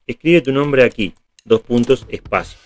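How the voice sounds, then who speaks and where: A man's voice: medium pitch, expressive, normal speed. Patient man teaching code. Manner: patient, step by step, checks in with "¿está bien?". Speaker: programming teacher. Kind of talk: screen-recorded tutorial.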